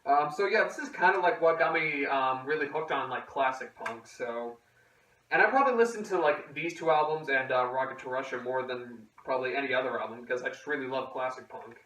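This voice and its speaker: A man's voice: mid-range voice, a little fast, pushed and bright. A young man chatting casually and loosely to camera as the host of a vlog, rambling as he goes. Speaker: host of a music collection video series. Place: echoey indoor room. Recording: very echoey room, distant mic.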